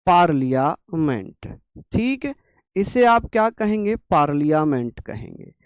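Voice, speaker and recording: A man's voice: on the high side, very animated, takes it slowly, smooth, dry recording. A young man gives an online exam-prep lecture while his throat is sore. He coaxes and scolds the students to keep writing. The recording is close and dry. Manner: coaxing, scolding students to take notes. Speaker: teacher.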